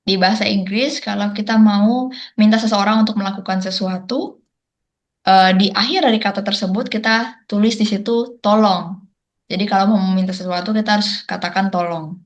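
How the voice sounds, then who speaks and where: A woman interpreting in a webinar, careful and pausing often with hesitation sounds, on a video call. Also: mid-range voice, fairly even intonation, highs cut off.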